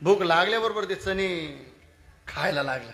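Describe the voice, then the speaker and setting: A man's voice: sits high, animated, moderate pace, sharp tone. A man preaching a devotional kirtan, telling stories and asking the audience questions, repeating words for emphasis. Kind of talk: devotional sermon storytelling.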